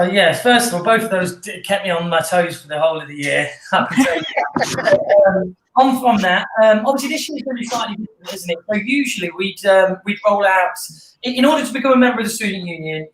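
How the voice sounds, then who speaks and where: A man who coordinates a student union, explaining things in a relaxed, casual way with frequent fillers. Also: sits high, a little fast, a little hiss or hum. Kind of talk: casual online panel chat. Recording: roomy echo.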